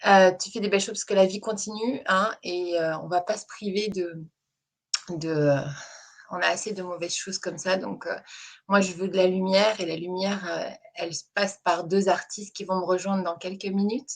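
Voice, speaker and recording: A woman's voice: on the low side, fairly even intonation, normal speed. Subdued French-speaking woman host. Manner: hesitant, many fillers, soft and subdued. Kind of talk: casual live-stream chat.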